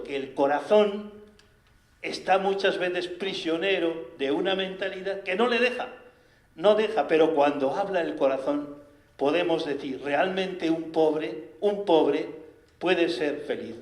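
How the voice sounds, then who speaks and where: A man with a Spanish accent preaching a sermon, animated and full of rhetorical questions. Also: a little high, slow. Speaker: priest. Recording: echoey room.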